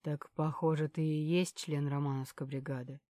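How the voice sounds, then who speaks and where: A woman voicing a calm, menacing male security man who interrogates a captive in an audiobook, measured and cold. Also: low-pitched, no room sound, studio quality, voice pushed down, natural voice.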